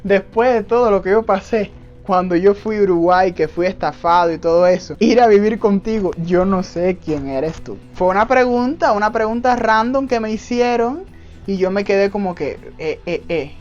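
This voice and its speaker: Man, Cuban accent, young adult, emphatic vlog chat, muffled audio, soft background music. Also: high voice, normal speed. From Cuba. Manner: earnest, emphatic, keeps addressing viewers as family. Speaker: vlogger answering viewer questions. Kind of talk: casual Q&A vlog.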